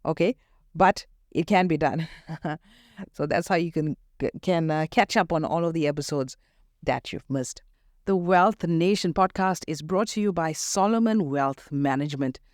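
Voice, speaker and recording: A woman with a South African Indian accent, hosting a finance podcast in a conversational, animated way that speaks directly to listeners. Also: sits low, moderate pace, dry recording, clean studio sound. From Durban, South Africa. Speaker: podcast host and wealth advisor.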